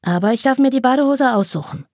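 A woman reading a story aloud, voicing a calm, kind teenage vampire boy who speaks gently. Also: high voice, fast, dry recording, clean studio sound, voice pushed up. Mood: gentle. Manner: gentle, soothing.

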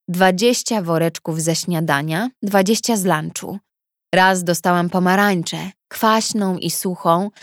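Female audiobook narrator, measured and subdued, unhurried first-person reading, dry close mic. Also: on the low side, no room sound.

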